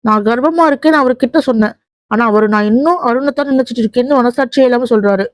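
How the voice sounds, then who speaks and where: A hurt young wife, as a woman reading an audio novel plays her lists her complaints in a steady run of pointed questions. The voice sits fairly high. The sound is dry and close. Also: fast, no room sound, natural voice. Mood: aggrieved. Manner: reproachful string of questions.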